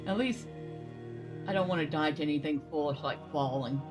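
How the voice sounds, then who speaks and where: A woman's voice: deep voice, a little fast, over music. A woman streaming a game, chatting casually and answering her viewers between exclamations. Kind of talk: casual live-stream commentary.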